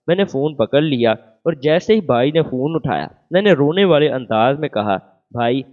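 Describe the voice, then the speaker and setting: A man reading a romantic first-person story as scripted narration, voicing every part in the same even voice. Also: fairly high pitch. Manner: reads all parts in one even voice. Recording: phone-like narrow band.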